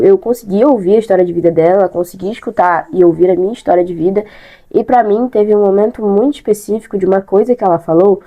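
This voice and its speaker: A woman's voice: medium pitch, dark tone. A young Brazilian woman with a stuffy nose and a bad throat from sinusitis, chatting casually to camera and repeating words for emphasis. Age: young adult.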